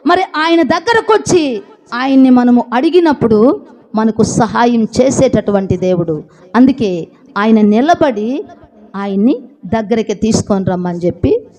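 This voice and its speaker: A woman's voice: fairly high pitch, a little mellow. A woman preaching a church sermon, emphatic, repeating her phrases and putting questions to the congregation. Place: church service.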